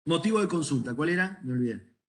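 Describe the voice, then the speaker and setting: With a Rioplatense Spanish accent and a fairly high, expressive voice, a middle-aged man talks quickly as he teaches medical students ENT. He chats with the class, asks them questions, and shares anecdotes from his practice.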